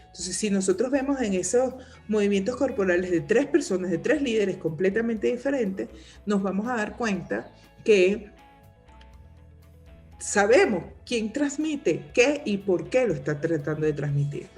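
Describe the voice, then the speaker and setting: A woman's voice: mid-range voice, animated, unhurried, a little mellow. Woman lecturing on communication, faint music. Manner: explanatory, asks the audience questions, frequent "ok?" check-ins. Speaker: leadership communication trainer. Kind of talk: informal lecture to a live audience.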